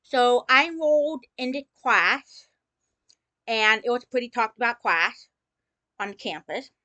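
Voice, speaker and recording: A woman's voice: fairly high pitch, a little slow, pushed and bright, dry recording. A woman telling a personal story in a casual vlog, opening with a theatrical greeting and dropping sarcastic asides.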